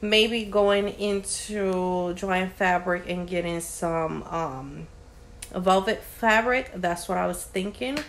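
A woman's voice: fairly low pitch, slow pace. A young woman chatting casually to her phone camera at home, rambling with plenty of fillers as she vlogs. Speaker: lifestyle vlogger. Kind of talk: casual vlog chat. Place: living room, indoors. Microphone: phone camera held at arm's length.

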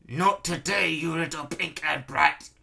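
Man doing a loud, raging villainous baron. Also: high voice, animated, slow pace, vocal fry, far from the mic, pitched above the performer's own voice, heavily acted. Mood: sneering. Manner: ranting, blustering. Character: raging, sneering villainous baron, petulant male tyrant.

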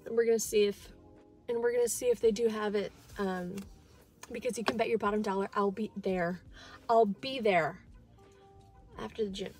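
A woman's voice: medium pitch, fairly even intonation, normal speed, long pauses, darkish tone, soft background music. A woman in her twenties chatting bubbly and casually to viewers on a vlog, filmed on a phone at arm's length in a parked car. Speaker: beauty vlogger. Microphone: phone camera at arm's length.

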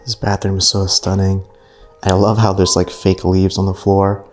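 Low and completely flat, with a darkish tone and normal speed, the vlogger's voice sits over faint background music. He casually narrates his walk through an abandoned mansion, easily impressed and filler-heavy, captured indoors by a camera mic.

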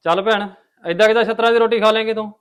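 A man's voice: high-pitched, fairly even intonation, very fast, a bit bright, clean tone. A man playing an uncle and brother who lectures and reassures his family in a web drama. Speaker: brother and uncle giving advice.

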